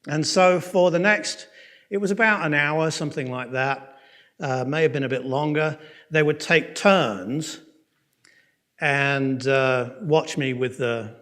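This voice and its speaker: A man with an English accent teaching a Bible course. He tells a personal story in a conversational way, checks in with his listeners and speeds up and slows down as he goes. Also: on the high side, fairly bright tone. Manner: frequent fillers and restarts, pace swinging quick and slow. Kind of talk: lecture with personal testimony.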